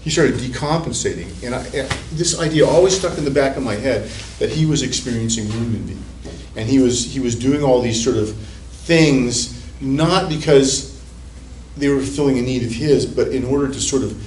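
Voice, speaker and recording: In a university classroom, a male psychology professor gives a conversational lecture that rambles, with restarts and repeated words. His voice is mid-range and a little mellow at a normal speed. The echoey room was recorded from a distance, leaving a faint hiss.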